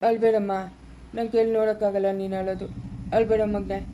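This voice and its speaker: A woman's voice: medium pitch, little pitch movement, fast, dark tone, highs cut off, a little hiss or hum, natural voice. A woman acting as a reassuring parent who consoles a crying daughter in a family skit. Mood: soothing. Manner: soothing, reassuring.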